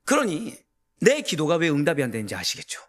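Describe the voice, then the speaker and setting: A man preaching a sermon as a pastor, emphatic and full of rhetorical questions to the congregation, rising to near-shouts. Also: a little high, huge pitch swings, a little fast.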